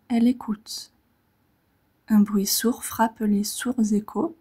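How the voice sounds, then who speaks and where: Reading poetry, a woman keeps a gentle, measured, soothing pace, her soft breathy voice often fading almost to a whisper. Short phrases are separated by pauses, and her pitch runs on the high side.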